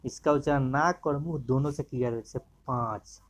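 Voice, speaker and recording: A man's voice: a little high, fast. A man teaching a grammar lesson, explaining step by step and pointing to examples as he goes.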